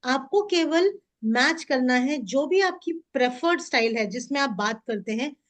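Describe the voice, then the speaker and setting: A woman's voice: high voice, a little slow. A woman in her forties, a mindset coach, leading an interactive training session and switching between Hindi and English. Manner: mixes Hindi and English, animated and demonstrative.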